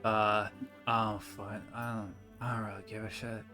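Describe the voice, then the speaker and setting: Man putting on a squeezed, lisping little shopkeeper guy, shifty and hunched, mumbling and couldn't-care-less, thin bright tone, quiet music behind. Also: lowish voice, little pitch movement, normal speed. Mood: indifferent. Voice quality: strained, lisping.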